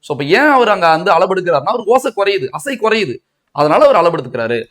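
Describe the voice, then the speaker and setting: Man, Tamil Nadu accent, high-pitched, coaching lecture, rhetorical questions. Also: sing-song, fast talker, fairly bright tone. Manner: asks and answers his own questions, mixing in English words. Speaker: Tamil grammar teacher.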